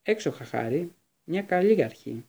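A man's voice: a little high, big pitch swings, creaky, breathy edge, full character voice. A man voicing a guarded kindly teacher. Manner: gentle, then curt. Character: kindly but guarded male teacher, adult.

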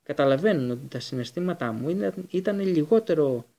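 A man's voice: fairly high pitch, expressive, dark tone. A man voicing a bitter escaped male prisoner in an audiobook reading, fierce and accusing in delivery. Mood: reflective.

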